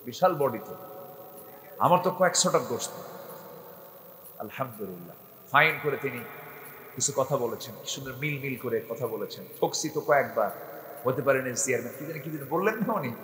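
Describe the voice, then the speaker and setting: A man preacher telling a story in a sermon, dramatic and rising to shouts. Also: medium pitch, lively intonation, a little fast, pauses often. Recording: echoey hall reverb.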